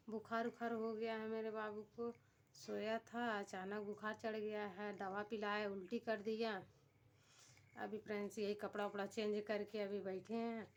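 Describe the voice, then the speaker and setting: A woman's voice: mid-range voice, slight background noise. A woman with a Bhojpuri-tinged Hindi accent, chatting casually to her viewers from home at night. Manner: chatty, addresses viewers as friends. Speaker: family vlogger.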